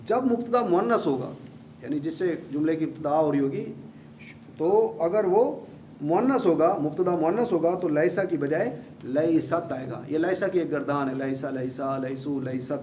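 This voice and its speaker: A man's voice: fairly high pitch, darkish tone. A man teaching grammar to a class, repeating key points patiently and encouraging his students. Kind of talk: classroom lecture. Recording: echoey room, faint background hum.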